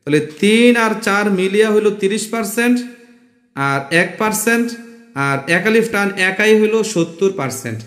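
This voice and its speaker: High-voiced man teaching Quran reading. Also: lively intonation, fairly bright tone. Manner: repeats rules slowly, drawing out syllables; asks viewers questions, urges them on. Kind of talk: spoken lesson on Quran reading rules. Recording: echoey room with long reverb.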